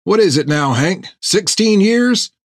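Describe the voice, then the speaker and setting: A man voicing a gruff, folksy male ship's mate speaking in a rustic dialect. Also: sits high, lively intonation, unhurried, no echo, clean studio sound, pitched above the performer's own voice, full character voice. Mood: teasing.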